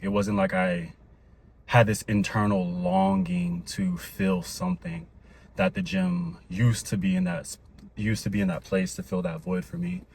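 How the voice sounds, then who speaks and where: A young man chats in a loose, rambling vlog style, a little winded as he talks. His voice sits low. Faint ambient noise hums behind him. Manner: upbeat, rambling, faith-filled talk with fillers. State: out of breath. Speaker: vlogger. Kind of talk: casual vlog talk. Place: Dallas, Texas.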